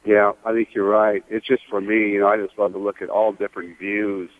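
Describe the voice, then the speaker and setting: Man, radio show caller, phone line, low voice, tinny narrow sound, casual and agreeable. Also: little pitch movement, a little fast, no room sound. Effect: phone-line call into a radio show. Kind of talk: casual call-in chat.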